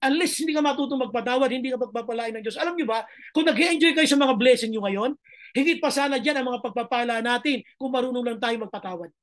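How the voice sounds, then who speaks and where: A woman's voice: high-pitched, quick pace. A woman pastor preaching a sermon, emphatic and repeating her phrases. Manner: mixes Tagalog and English, emphatic, repeats phrases.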